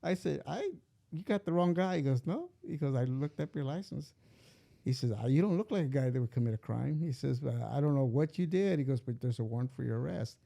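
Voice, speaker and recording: An older man, a father being interviewed, rambles through a long personal story in a casual interview and acts out the quoted voices. His voice sits in the mid range with a warm tone and some vocal fry, and he talks at a quick pace.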